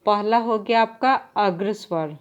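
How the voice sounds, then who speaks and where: A woman's voice: medium pitch, unhurried, muffled recording. A woman teacher giving an exam-prep grammar lesson, explaining step by step and drawing out example sounds while writing on a board.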